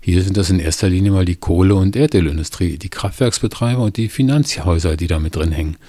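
A man reading as a patient, reasoning neighbor with a dry wit. The voice sits very low and dark with a husky edge. It is recorded dry and close. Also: quick pace, dry recording. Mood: explaining. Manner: patient, explaining, mildly ironic. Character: calm, reasoning middle-aged male neighbor.

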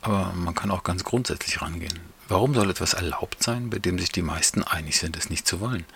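A man voicing a calm male neighbor who explains things in a measured, slightly scornful, lecturing way. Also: low-pitched, vocal fry, breathy edge, full character voice. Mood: explaining.

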